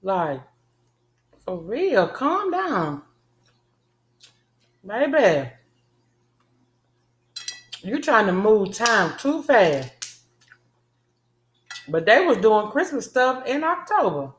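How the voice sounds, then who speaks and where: A woman vlogger talking while eating, laid-back with drawn-out emphatic asides. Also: medium pitch, big pitch swings. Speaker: mukbang vlogger. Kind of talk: casual chat to camera. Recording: echoey room.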